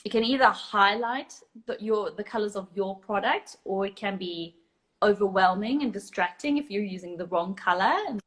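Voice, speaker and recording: The recording quality is low, but you can hear a South African woman with a mid-range, slightly bright voice speaking at a moderate pace. A guest photographer on a live video call, she talks casually through her tips with frequent ums and false starts.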